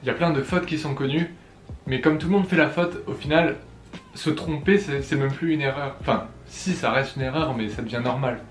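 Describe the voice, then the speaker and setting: Talking a little fast in a mid-range voice, a young adult man from France jokes at his own expense as he responds to viewer questions, mixing French and Chinese. It's a casual vlog with a playful tone, recorded in a room with echo and soft music.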